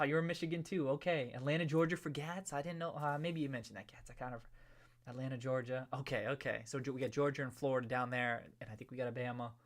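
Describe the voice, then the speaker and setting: On a casual livestream, a New England man with a somewhat high, slightly bright voice reads viewer comments aloud. He rambles loosely, restarting sentences and leaving phrases hanging.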